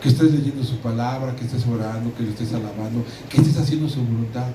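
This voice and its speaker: A man's voice: mid-range voice, fast talker, background noise. A middle-aged man with a Mexican accent preaching a sermon, emphatic and prone to repeating words and restarting. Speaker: pastor. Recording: roomy echo, distant mic, audible room ambience.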